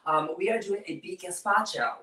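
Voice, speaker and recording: A man's voice: sits high, expressive, normal speed, bright, forceful tone. A man hosting a casual cooking segment with campy drag queen banter. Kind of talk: casual live cooking chat. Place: indoor kitchen. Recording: echoey room, distant microphone.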